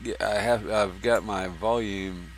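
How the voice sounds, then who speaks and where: A deep-voiced man chats casually while streaming a game, stopping and restarting his sentences as he goes. His voice sits low, and a faint noise runs under it. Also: fairly even intonation. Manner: halting, repeats and restarts words. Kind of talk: casual live-stream chat while gaming.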